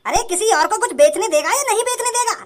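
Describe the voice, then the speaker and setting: A woman's voice: very high voice, animated, fast talker, noisy background, pitched above the performer's own voice. A woman playing a bossy rival street vendor. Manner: bossy, taunting. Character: pushy young male rival street vendor.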